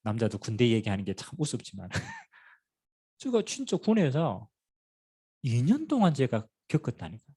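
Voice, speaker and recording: A middle-aged pastor with a Gyeongsang accent preaches in a husky, slightly breathy voice. His pitch swings widely as he tells stories, and he fires rhetorical questions and light humor at his congregation. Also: dark tone. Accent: Gyeongsang Korean. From Pohang, South Korea. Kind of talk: sermon.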